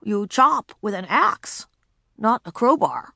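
A woman doing a calm, serious little boy. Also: medium pitch, slow pace, vocal fry, dry recording, clean studio sound, full character voice. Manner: flat, unbothered, matter-of-fact.

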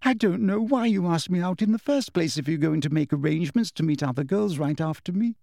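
A man voicing a hurt, jealous teenage girl who stammers through tears, raising his voice high for her. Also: animated, normal speed, darkish tone, no echo, studio quality. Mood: tearful. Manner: stammering, shrill and weepy.

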